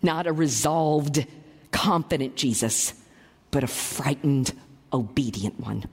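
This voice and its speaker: A woman preaching a sermon, explaining scripture with emphatic, teaching delivery and a husky voice. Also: very deep voice, takes it slowly, darkish tone, in a large hall.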